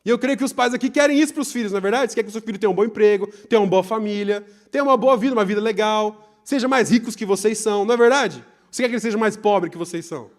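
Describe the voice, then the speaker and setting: A young Brazilian man preaching a live sermon in church, swinging between loud emphasis and hushed asides. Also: high-pitched, racing, few pauses. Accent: Brazilian Portuguese.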